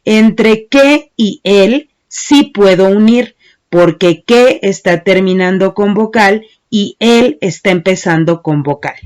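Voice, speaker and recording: A woman's voice: medium pitch, takes it slowly, a little mellow. A woman teacher giving a methodical lesson, patiently explaining step by step and counting syllables aloud one by one. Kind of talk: slow, methodical class lecture.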